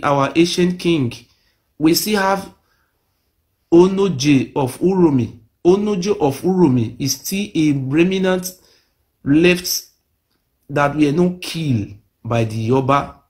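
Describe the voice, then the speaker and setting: A middle-aged Nigerian man with a Nigerian accent delivers an impassioned self-made monologue to a phone or webcam held close to his face in a small room. His voice is on the high side, and he speaks emphatically, repeating his claims insistently.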